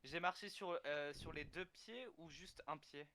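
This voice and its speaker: A man in a casual tabletop role-playing session, his voice a touch high and bright. He hesitates and fills his turns with little fillers, then breaks into sudden shouts. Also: measured pace. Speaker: player.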